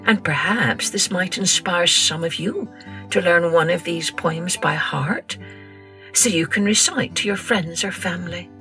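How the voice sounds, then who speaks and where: An older Scottish woman hosts a children's storytelling podcast, reciting stories and poems in a fairly low voice. Her delivery is theatrical and deliberate, drawn out, with hushed passages. Soft music plays in the background.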